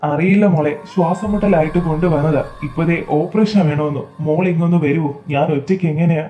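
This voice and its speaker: A man voicing an older father and uncle who speaks gently and sounds worried. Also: on the high side, quick pace, muffled recording, natural voice. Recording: soft background music.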